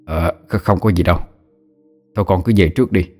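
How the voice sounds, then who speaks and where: A man voicing an older village exorcist who mutters in a low, evasive voice. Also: brisk, a little mellow, soft background music. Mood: uneasy.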